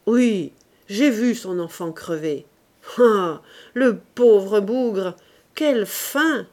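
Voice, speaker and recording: A woman voicing a jovial, loud-voiced young male painter in an audiobook, speaking in a slow, expansive way. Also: mid-range voice, lively intonation.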